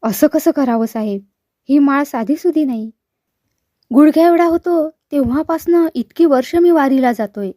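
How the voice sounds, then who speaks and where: A woman's voice: high-pitched, normal speed, dark tone, no echo, clean studio sound, natural voice. A woman voicing a devout middle-aged man, earnest and pleading, in a storybook reading.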